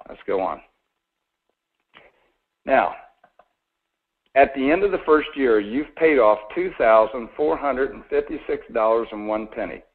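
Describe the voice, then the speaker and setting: A man's voice: medium pitch, slightly rough. Folksy male seminar speaker, tinny sound. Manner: folksy, asks the audience questions, mildly sarcastic. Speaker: financial seminar presenter. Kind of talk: live seminar talk to an audience.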